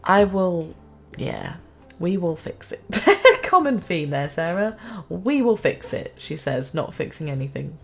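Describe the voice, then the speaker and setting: A woman's voice: low-pitched, sing-song, a little slow, hardly any pauses, faint music behind. A woman giving casual, self-mocking commentary as she plays a city-building game, chatting to herself and the game.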